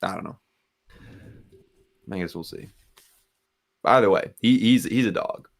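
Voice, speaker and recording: Young male sports show host, deep voice with gravelly fry, laid-back delivery. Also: a little slow. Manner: relaxed, plugs socials and sponsor. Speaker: podcast host. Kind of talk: casual sports chat.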